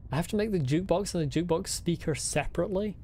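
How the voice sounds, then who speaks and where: A woman's voice: fairly low pitch, rapid-fire, warm tone, a little hiss or hum. A woman giving casual video game playthrough commentary in a blunt, incredulous manner, often repeating phrases for emphasis.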